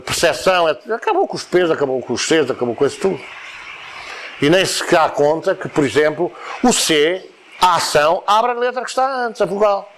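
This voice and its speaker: A man with a European Portuguese accent and a slightly high voice gives an informal spoken lecture to a study group. He wanders from point to point, repeats words and explains through examples, with a little hiss or hum in the background.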